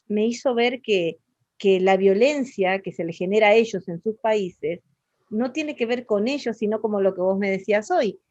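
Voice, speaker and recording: A woman's voice: medium pitch, a little mellow, no room sound, highs cut off. An Argentine woman with an Argentine Spanish accent, talking expressively in a casual interview, with many fillers and restarts.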